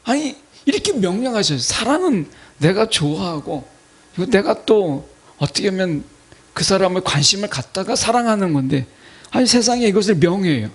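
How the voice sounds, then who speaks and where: A husky man in his fifties preaches in a high voice whose pitch swings widely. He keeps putting rhetorical questions to his congregation. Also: sing-song, moderate pace. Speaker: pastor. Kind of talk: sermon. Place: church sanctuary.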